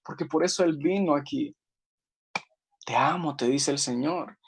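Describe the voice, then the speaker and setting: A man teaching a Bible study, preaching earnestly and reading scripture slowly with many pauses. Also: on the high side, gravelly, slight background noise.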